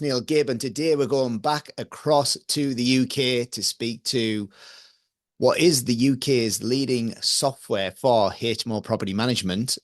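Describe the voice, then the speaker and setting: A man's voice: mid-range voice, no echo, studio quality. A man from England with an English accent tinged with Australian, hosting a podcast in a friendly, matey way. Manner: friendly, matey and laughing often. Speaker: podcast host. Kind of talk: casual interview chat.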